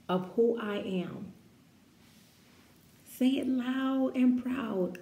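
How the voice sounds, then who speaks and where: A children's story-time reader with a mellow, fairly high voice reads a picture book aloud and talks to the kids in between. She is expressive and encouraging, slowing down deliberately to lean on key words. Around her, the room sounds echoey with faint background noise.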